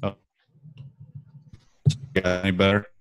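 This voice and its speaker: A man answering questions as a guest expert over a remote conference call line that keeps breaking up, explaining steadily with frequent pauses and "um"s. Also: deep voice, completely flat delivery, a bit bright, clear, resonant tone. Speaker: sales tax software guest expert.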